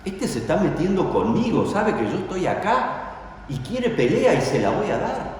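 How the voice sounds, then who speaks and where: A sneering, combative evil spirit, as a preacher puts him on hurls taunts with a lively, swinging pitch. The voice rings through an echoey hall from some way off the mic, with a faint hum behind it. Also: male voice, moderate pace, distant mic. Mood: provoked.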